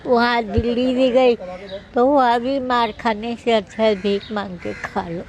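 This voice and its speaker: A woman's voice: a little high, fairly even intonation, measured pace, darkish tone, a little hiss or hum, low-quality recording. A woman in her seventies, speaking plaintively and with resignation, interviewed outdoors at a railway station. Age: 70s. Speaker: stranded elderly interviewee. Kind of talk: street interview.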